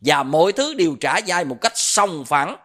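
A middle-aged monk with a Southern Vietnamese accent gives a Buddhist dharma talk, telling stories and quizzing his listeners with questions. His voice is on the high side and a bit bright, moving at normal speed with big pitch swings.

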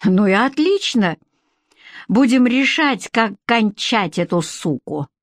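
A woman voicing a brash, bossy middle-aged woman who talks loud, blunt and rough in a storybook reading. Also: fairly high pitch, sing-song, slow pace, no room sound, studio quality. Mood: brisk.

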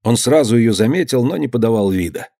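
A man's voice: mid-range voice, expressive, a little fast, mellow, no room sound, clean studio sound. Man narrating a story dramatically.

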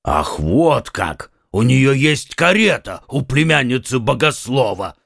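A man reading an audiobook, voicing a loud, boastful musketeer who teases and scoffs at his friends. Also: medium pitch, big pitch swings, slow pace, creaky, dry recording, studio quality, heavily acted. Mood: mocking. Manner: teasing, scoffing. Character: loud boastful male musketeer, mocking and indiscreet.

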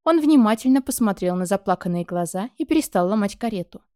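A woman narrating a first-person audiobook in an expressive, lively storytelling manner. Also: medium pitch, fast talker, no echo, clean studio sound.

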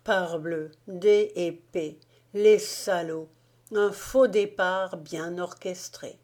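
Woman audiobook reader, measured and unhurried, lowish voice. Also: warm tone. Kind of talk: audiobook narration of a wartime memoir.

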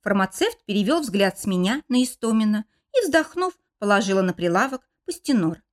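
A woman's voice: medium pitch, very animated, brisk. A woman narrating a first-person romance novel as an audiobook, telling the story expressively.

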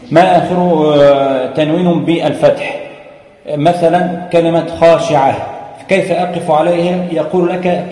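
A man's voice: on the high side, dark tone. A man teaching a lesson on Quran recitation, explaining step by step with frequent hesitations and chanting verses. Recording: echoey room with long reverb.

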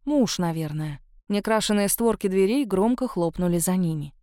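A woman's voice: mid-range voice, moderate pace, no room sound, studio quality. Woman reading a first-person audiobook. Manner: steady, expressive reading. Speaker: audiobook narrator.

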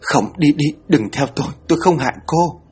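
A man's voice: fairly high pitch, lively intonation, brisk, darkish tone, breathy edge, pitched above the performer's own voice. A man voicing a frightened young woman, tearful and panicked. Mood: feverish.

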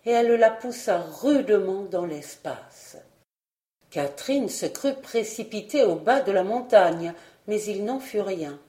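Mellow woman reading a fairy tale aloud. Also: medium pitch, echoey room. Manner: calm, measured reading. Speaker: audiobook reader. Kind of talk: storybook narration.

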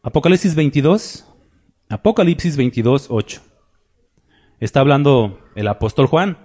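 A man's voice: medium pitch, lively intonation, moderate pace, warm tone. A man preaching a sermon. He reads scripture, retells the scenes by acting out their voices, and keeps asking rhetorical tag questions.

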